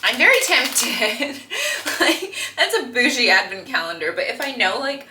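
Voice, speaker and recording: A woman's voice: on the high side, expressive, normal speed, echoey room, noisy background. Chatty, giggly young woman vlogging. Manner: chatty, giggly, rambling with many "like"s and "um"s. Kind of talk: casual chat to camera. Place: home kitchen.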